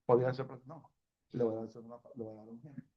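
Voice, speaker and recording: Speaking fast with a steady, mid-range voice, a man from El Salvador leads a church Sunday school class over a muffled recording. His tone is chatty, he frequently checks on his audience, and he mixes in English words.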